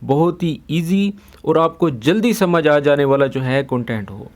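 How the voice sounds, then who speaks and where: Young guy w/ teaching arabic, repeats words over n over, kinda high voice. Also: lively intonation, measured pace, a little mellow. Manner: patient, repeats each word several times. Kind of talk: casual spoken language lesson.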